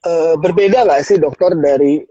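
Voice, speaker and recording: A man's voice: on the high side, normal speed, mellow, no echo. A man hosting a talk show who asks questions with hesitant fillers and often agrees with short replies. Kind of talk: casual interview chat. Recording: dry dull lo-fi recording.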